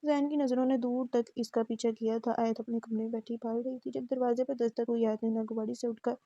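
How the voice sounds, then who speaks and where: Woman narrating a novel, steady, mellow dark tone, fairly high pitch, dry close sound. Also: a little fast, dry recording. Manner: steady, even reading. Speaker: audiobook narrator. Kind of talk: novel reading. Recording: dull muffled recording.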